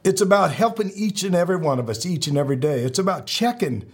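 Husky, higher-pitched man, halting and emphatic. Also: expressive. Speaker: podcast host; military veteran. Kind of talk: earnest podcast sign-off addressed to listeners.

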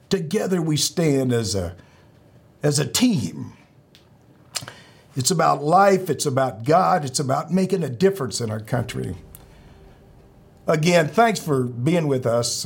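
A middle-aged male podcast host and veteran with a husky voice, speaking earnestly and haltingly as he exhorts his listeners in a sign-off. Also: fairly high pitch. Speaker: military veteran.

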